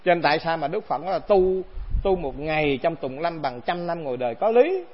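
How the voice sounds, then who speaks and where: A monk gives a dharma talk in a high, light voice. He keeps it conversational and keeps throwing rhetorical questions at his listeners. The recording is dull and lo-fi. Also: expressive, brisk, slightly rough. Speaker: monk teacher.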